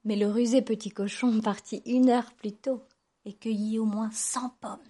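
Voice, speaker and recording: A woman reading a children's fairy tale aloud in a gentle, even storytelling manner. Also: on the high side, moderate pace.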